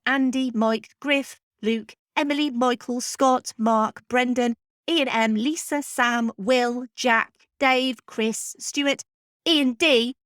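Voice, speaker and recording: A woman's voice: a little high, no room sound, clean studio sound. A woman hosting her own podcast, chatting casually and upbeat with listeners and laughing easily. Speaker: podcast host.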